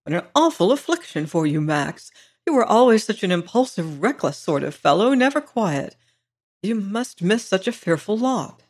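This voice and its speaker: A brisk, earnest gentleman detective, a bit stiff and proper, as a male reader voices him in an audiobook. the voice sits slightly high and carries an eager, impulsive push. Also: sing-song, breathy edge, exaggerated voice. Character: impulsive, stiff former solicitor turned detective. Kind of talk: audiobook character reading.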